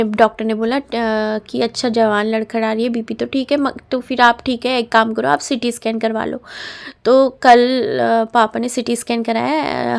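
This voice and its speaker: Earnest woman with a gravelly voice. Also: fairly high pitch. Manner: earnest, halting, many fillers. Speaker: devotee sharing a testimony. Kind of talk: devotional testimony, casual chat.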